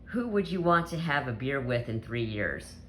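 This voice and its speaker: Student reading interview questions, animated pitch, light background noise. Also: normal speed.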